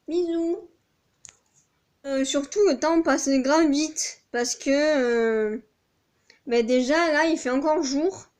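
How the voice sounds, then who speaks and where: A woman's voice: high-pitched, darkish tone. A young woman with a southern French accent chatting casually to her vlog audience, rambling and poking fun at herself. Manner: chatty, rambling, self-mocking with frequent laughs. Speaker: vlogger.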